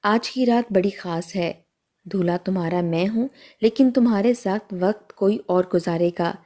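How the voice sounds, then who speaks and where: A woman's voice: medium pitch, dark tone, close to an everyday voice. A woman voicing a cold, scornful husband. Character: cruel callous young husband, scornful.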